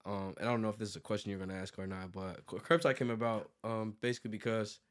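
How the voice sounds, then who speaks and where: A man in his thirties from the United States, born in New York and raised in Virginia, talks fast and smoothly in a lowish, steady voice. He's a graphic designer and business owner guesting in a casual interview, rambling along with frequent "like" and self-corrections.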